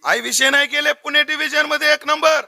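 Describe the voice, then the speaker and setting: A man voicing an eager teenage boy who pleads with his parents in a high voice. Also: sing-song, brisk, vocal fry, pushed and bright, no echo, soft background music, heavily acted. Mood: pleading.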